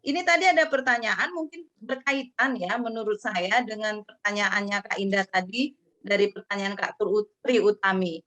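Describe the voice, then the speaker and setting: A woman's voice: a little high, bright, forceful tone. A woman moderating an online parenting seminar over a video call, polite and friendly as she reads out the audience's questions.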